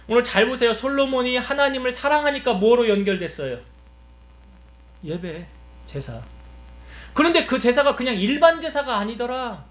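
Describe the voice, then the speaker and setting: A man's voice: sits high, a bit bright, rough recording. A man preaching a sermon as pastor, asking rhetorical questions and acting out quoted voices, then leading a closing prayer.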